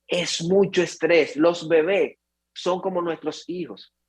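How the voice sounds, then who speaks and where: A man's voice: a little high, slow pace, slightly rough. A man, an obstetrician, explaining labor in an interview and acting out patients and relatives as he goes. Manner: animated, acts out patients and relatives. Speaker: obstetrician guest.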